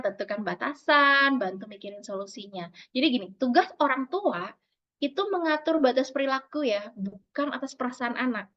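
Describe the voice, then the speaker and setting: A woman's voice: a little high, dull audio. A woman giving an informal talk on parenting, talking conversationally with many fillers and English terms mixed in. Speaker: parenting speaker.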